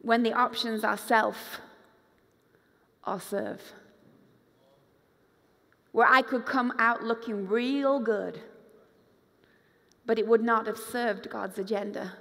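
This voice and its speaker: This high-voiced woman pastor preaches slowly and gravelly, pausing often, in a conference sermon. She animates quoted voices and roams a big dark stage, her words carried by long hall reverb.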